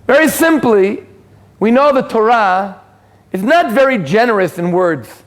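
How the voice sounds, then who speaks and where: With an Israeli accent, a man whose native tongue is Hebrew lectures informally to a live audience in a community hall. His voice sits high and is expressive and unhurried, and he restarts often and tosses in joking asides.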